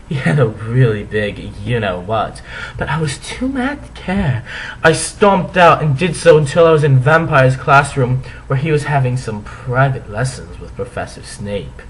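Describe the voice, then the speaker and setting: Theatrical, animated man reading comically. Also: mid-range voice, a little hiss or hum, poor audio. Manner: theatrical, sarcastic. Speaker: reader and commentator. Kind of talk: comic dramatic reading with mocking asides.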